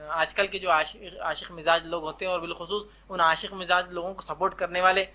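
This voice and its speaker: Man, religious lecturer, bright forceful voice, emphatic, keeps repeating reminders. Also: high voice. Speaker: Islamic lecturer.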